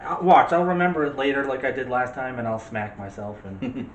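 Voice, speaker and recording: Co-hosting a movie discussion show, a man with a mid-range, lively voice speaks briskly, giving emphatic, opinionated takes straight to the audience in a casual style. The recording is muffled, with roomy echo and faint background noise.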